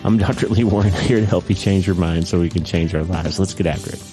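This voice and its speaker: This is a podcast host from the United States, recorded at home early in the morning, speaking quickly in a low voice with music underneath. His solo talk is easygoing and chatty with a slightly congested sound, and he keeps his slips in with warm good humor.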